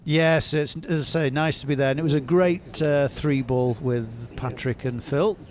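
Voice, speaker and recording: A man's voice: on the high side, fairly even intonation, normal speed, slight background noise. A man working as a golf commentator, giving live reactions to the shots as they are played.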